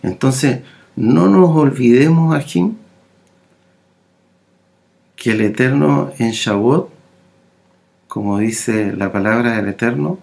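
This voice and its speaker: A man preaching a sermon, speaking slowly and haltingly, with many fillers and repeated words. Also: mid-range voice, vocal fry, a little mellow.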